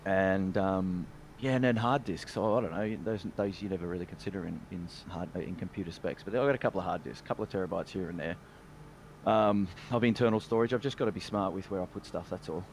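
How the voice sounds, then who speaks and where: Low-voiced man talking tech. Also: fast, a little hiss or hum. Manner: chatty, explains tech specs, reads chat aloud. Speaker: guest pilot. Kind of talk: casual chat over voice call.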